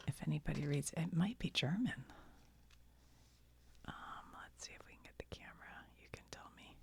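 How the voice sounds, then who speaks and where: An American woman hosts a whispered ASMR show-and-tell, chatting casually and reading aloud as though thinking to herself for the viewer. Her low, heavily creaky whisper is roughened by breath on every phrase, blurring the tone. She sounds animated and speaks at normal speed.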